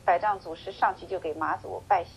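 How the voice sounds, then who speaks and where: A woman teaching a Buddhist sutra lecture, telling the story with lively acted-out dialogue and many drawn-out sentence-final particles. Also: on the low side, slightly rough, muffled recording. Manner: slow measured chanting when reading scripture.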